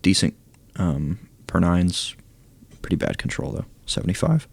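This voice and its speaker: Deep gravelly young man, hoarse. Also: steady tone, measured pace. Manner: low-key, thinking aloud, reading stats. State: losing his voice, hoarse. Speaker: gaming YouTuber ranking cards. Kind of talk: casual commentary.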